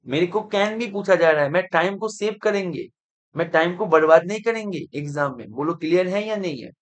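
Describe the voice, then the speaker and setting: High-voiced male math teacher, slow explaining. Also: lively intonation. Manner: addresses students as beta, asks if it is clear; mixes Hindi with English math terms and some Bengali. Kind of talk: online exam-prep lecture.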